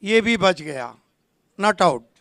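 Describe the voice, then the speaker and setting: High, bright, lively male cricket commentator. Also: takes it slowly, vocal fry, no echo. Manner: witty, jumps to loud calls on big moments. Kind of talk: live tennis-ball cricket commentary.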